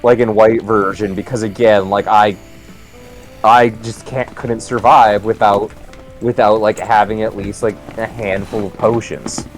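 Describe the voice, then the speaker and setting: A man's voice: fairly low pitch, fairly even intonation, measured pace, faint music behind. A man co-hosting a let's play, rambling casually with lots of "like" and restarts and laughing often. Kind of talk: casual gaming commentary.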